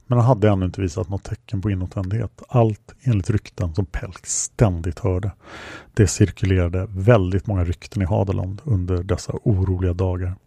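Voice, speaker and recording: Male audiobook narrator, calm storytelling, husky, dry close sound. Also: sits low, no room sound. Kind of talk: scripted narration.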